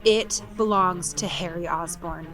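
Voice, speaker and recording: Sly female cat burglar, acted by a woman: unhurried, bright-edged, lowish voice, teasing and mock-sweet, dramatic read. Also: fairly even intonation, soft background music. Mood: cool. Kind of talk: dramatic script table read.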